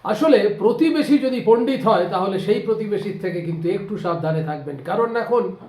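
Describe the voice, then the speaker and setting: High-voiced Kolkata Bengali storyteller man. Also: lively intonation, brisk, a little mellow. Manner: chatty, advising, acts out neighbours. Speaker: motivational video host. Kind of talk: comic storytelling to camera. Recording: echoey room.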